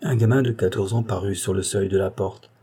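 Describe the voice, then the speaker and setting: A man reading a classic novel aloud as an audiobook narrator, in a steady, measured literary delivery. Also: on the low side, breathy edge. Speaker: audiobook reader. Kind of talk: scripted narration.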